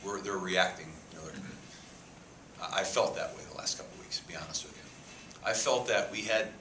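A deep-voiced man in his fifties speaks at a moderate pace, a head football coach fielding questions at a press conference, emphatic, repeating words and gesturing. He's in a press room with a sponsor backdrop, picked up by a cluster of table mics. The room is echoey, with faint hiss.

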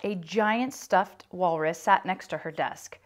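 A woman reading a children's chapter book aloud with clear, expressive storytelling. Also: lowish voice, slow pace.

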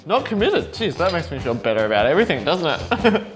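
A young man chats to camera while tripping on drugs. His talk is rambling and full of swearing, breaking easily into giggles. The pitch swings widely, and music plays behind him. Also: big pitch swings, fast. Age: young adult. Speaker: vlogger attempting a painting tutorial. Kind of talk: casual vlog chat.

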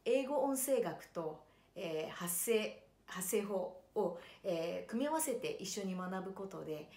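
A woman introducing her jazz vocal pronunciation lessons in a calm, explanatory way, often pausing with fillers and slowing down to model English words. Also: medium pitch, echoey room.

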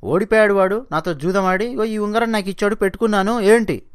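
A man's voice: high-pitched, fast, smooth, pitched above the performer's own voice, lightly acted. A man voicing a brash male gambler who answers back boldly in a told story. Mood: defiant. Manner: bold, retorting, defensive.

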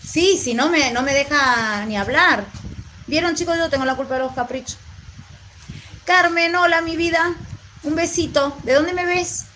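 A woman's voice: high-pitched, normal speed, bright, forceful tone, slight background noise, poor audio. Chatty Argentine woman on a livestream. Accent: Mendoza Argentine Spanish. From Mendoza, Argentina. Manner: chatty, affectionate, rambling with fillers. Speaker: vlogger reading live chat. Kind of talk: live stream chat.

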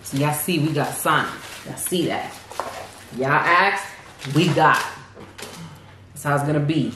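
Excited chatty woman, low voice, roomy echo. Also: measured pace, a little hiss or hum. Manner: excited, chatty, talks to viewers as y'all. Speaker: channel co-host. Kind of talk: casual mukbang vlog chat.

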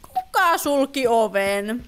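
Playing a horror game for her YouTube channel, a woman chats casually, gets startled easily, and throws in English exclamations. She sounds a little high, sing-song and a bit bright, on a clean recording.

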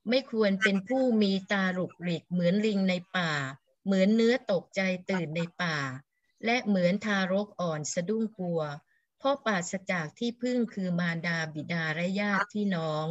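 A woman reading a scripture translation aloud for a monk's class, in a steady, measured way. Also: medium pitch, muffled recording. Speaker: student reader.

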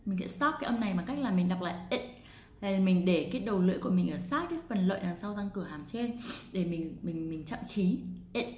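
A woman teaching English pronunciation, slowly drawing out the model words and short phrases she pronounces. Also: mid-range voice, lively intonation, a little mellow, reverberant, a little hiss or hum. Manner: slow, drawn-out model pronunciations. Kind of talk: pronunciation lesson.

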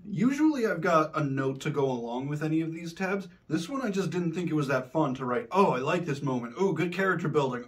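A man's voice: on the high side, far from the mic. A man reading a scripted book review, sarcastic and swearing when he is frustrated.

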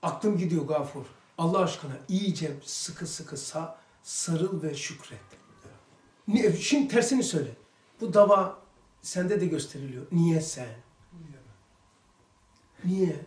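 In this religious lesson, the male teacher talks on the high side, slowly and with frequent pauses, telling stories with animation and bursts of emphasis. He was recorded from a distance in a room full of echo.

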